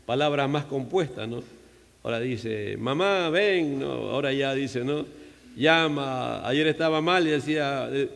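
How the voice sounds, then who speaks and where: A man's voice: a little high, in a large hall. A male pastor with a Peruvian Spanish accent preaching a sermon in a church, in a conversational style full of "¿no?" asides. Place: church hall.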